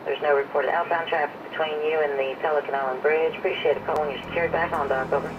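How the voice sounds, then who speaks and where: A man's voice: on the high side, steady tone, fast. A man working as a vessel traffic controller, heard over a two-way marine radio and using formal radio procedure talk. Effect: two-way marine radio transmission. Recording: muffled radio from afar.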